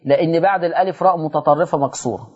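A man with an Egyptian accent teaching Quran recitation, his voice sitting somewhat high. He moves between quick explanations and long, drawn-out recited words. The audio is dull and lo-fi, like an old broadcast recording. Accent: Egyptian Arabic. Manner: brisk explaining broken by slow drawn-out recitation of example words. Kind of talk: televised recitation lesson.

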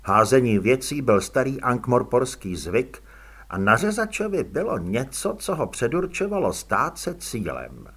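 A man narrating an audiobook in an expressive, dramatic storytelling manner. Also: mid-range voice, slightly rough.

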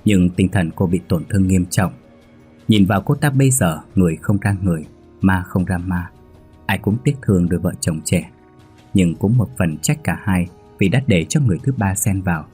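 A man narrating a scripted horror story in a steady, even reading. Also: sits low, normal speed, husky. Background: faint music.

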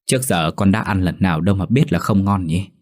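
Village dad, calm and reasoning, low voice, narrator doing him. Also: male voice, brisk. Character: middle-aged village father, easygoing drinker.

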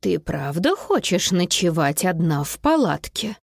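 A gently firm mother speaks in a lowered, measured and soothing way, as a woman reads her in an audiobook. Her intonation still moves a lot, and the sound is dry and close. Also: big pitch swings, creaky, husky, dry recording, exaggerated voice. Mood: calm. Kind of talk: audiobook character voice.

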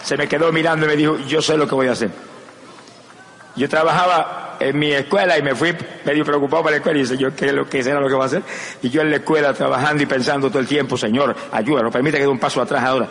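Un predicador mayor con acento puertorriqueño da un sermón ferviente con testimonio personal, pasando de un relato suave a exclamaciones gritadas. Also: male voice, mid-range voice, fairly even intonation, quick pace. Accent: Puerto Rican Spanish. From Puerto Rico. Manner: swings from soft storytelling to loud shouted exclamations. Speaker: evangelist preacher. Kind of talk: fervent sermon with personal testimony. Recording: echoey hall recording with crowd noise.

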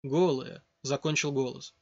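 A man voicing a mysterious bodiless stranger, speaking softly and coaxingly. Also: medium pitch, fairly even intonation, unhurried, dry recording, voice pushed down. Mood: quiet. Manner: soft, coaxing and quiet. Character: mysterious bodiless male voice, soft and sly. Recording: dull lo-fi dry recording.

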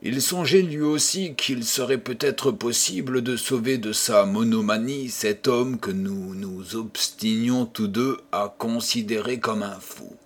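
A man narrating a classic novel as an audiobook, measured and dramatic. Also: medium pitch. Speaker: audiobook reader.

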